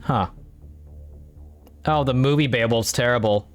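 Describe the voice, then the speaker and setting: A man's voice: mid-range voice, unhurried, soft background music. A man streaming a story game, talking in a rambling, offhand way and swearing casually. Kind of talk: casual let's-play commentary.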